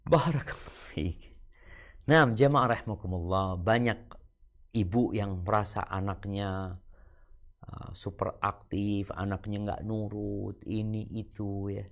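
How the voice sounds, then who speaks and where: A man preaching and answering questions from listeners, shifting between hushed asides and raised, emphatic points. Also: fairly low pitch, steady tone, a little slow. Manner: swings between soft murmurs and raised emphatic lines. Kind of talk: sermon Q&A.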